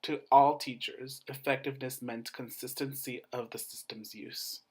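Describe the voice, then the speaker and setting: A man delivering a formal, scripted academic presentation as a doctoral student, in measured short phrases that step through each point in order. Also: medium pitch, steady tone, slightly rough.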